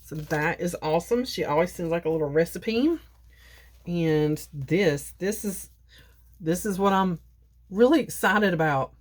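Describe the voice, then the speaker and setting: A woman's voice: lowish voice, animated, unhurried. A woman vlogger chatting casually through an unboxing, talking to her viewers, repeating herself and sipping coffee as she goes. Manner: sips coffee while talking. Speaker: crafting vlogger.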